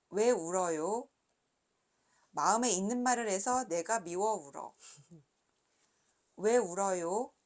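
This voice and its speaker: A gentle, soft-spoken woman in her thirties reads her picture book aloud at an unhurried pace. Her voice sits at a middle pitch for a woman, and she breaks into light laughs now and then. She talks like a guest author on a children's radio show.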